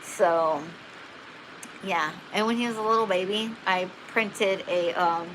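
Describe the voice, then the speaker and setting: A woman tells a story casually, filling her sentences with "like" and laughing along the way. Her voice sits at an ordinary middle pitch. The home recording carries a steady hiss behind her. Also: takes it slowly. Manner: chatty, lots of "like" fillers, laughs while telling. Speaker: dog channel host.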